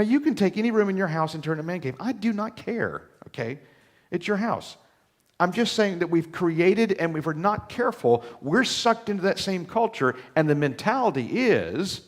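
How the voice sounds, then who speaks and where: Preacher, a touch higher than most men, big lively swings in pitch, folksy, keeps doubling up words as he starts a thought, preaching in church. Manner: animated, folksy, acts out quoted voices, repeats words when starting. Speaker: pastor. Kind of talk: sermon. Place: church sanctuary.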